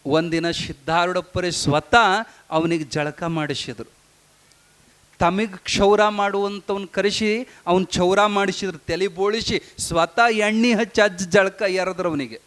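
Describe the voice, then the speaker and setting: A high-pitched man with a North Karnataka Kannada accent tells a sermon as a story. His voice rises and falls as he acts out each character's lines. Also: steady tone, measured pace, fairly bright tone. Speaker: preacher.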